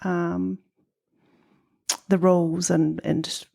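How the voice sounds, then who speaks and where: A woman's voice: fairly low pitch, level tone, drawn-out words, vocal fry, mellow. A middle-aged woman from New Zealand with a New Zealand accent, answering interview questions in a thoughtful, hesitant way. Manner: thoughtful, hesitant, many ums. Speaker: guest artist.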